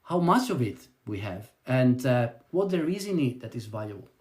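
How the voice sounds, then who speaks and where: A man hosting a podcast, reading a polished introduction in a measured way and then asking interview questions. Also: medium pitch, sing-song, darkish tone, husky. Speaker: podcast host.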